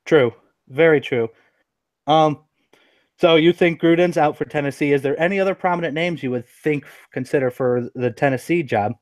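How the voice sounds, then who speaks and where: A man's voice: fairly high pitch, normal speed, no room sound, studio quality. Chatty young man with a light voice. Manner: chatty, teasing, restarts often. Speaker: co-host. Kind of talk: casual sports chat.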